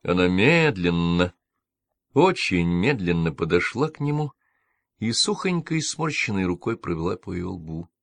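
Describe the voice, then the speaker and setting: A man narrating a novel in a measured, expressive storytelling manner. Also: sits low, no echo. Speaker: audiobook narrator. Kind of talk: scripted literary narration.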